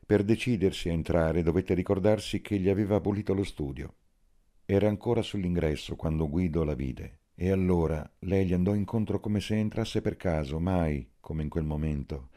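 Guy reading a novel aloud, slow and measured, super deep dark voice. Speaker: audiobook narrator. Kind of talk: literary audiobook reading.

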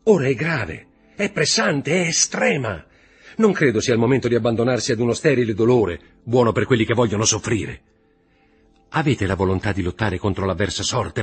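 A husky-voiced man playing an earnest young lover, speaking in a grave, intense way. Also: mid-range voice, very animated, moderate pace, faint music behind, voice pushed up. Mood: urgent. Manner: grave, earnest, slightly raised delivery.

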